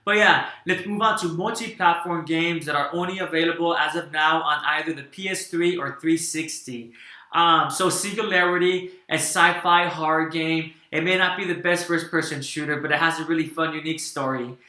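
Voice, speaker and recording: A man's voice: a little high, fairly even intonation, normal speed, bright, forceful tone, reverberant. A man giving a casual, enthusiastic video game review, rambling with fillers and restarts.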